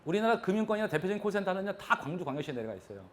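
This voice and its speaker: A man's voice: sits high, very animated, racing. A man giving a live real estate lecture, talking animatedly and throwing questions at his audience.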